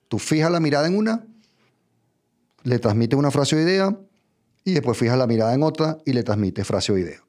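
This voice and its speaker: A man giving a public speaking lesson, talking straight to the listener in numbered steps and checking in with a quick "ok?". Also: mid-range voice, darkish tone. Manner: direct, addresses listener as tú, numbered steps, frequent "¿ok?". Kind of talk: instructional talk.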